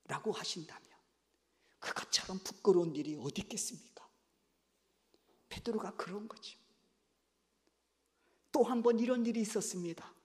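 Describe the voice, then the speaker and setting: High, lively Korean pastor preaching. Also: male voice, fast talker. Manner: animated, dramatizing scripture. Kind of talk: sermon. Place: church sanctuary. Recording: echoey church hall.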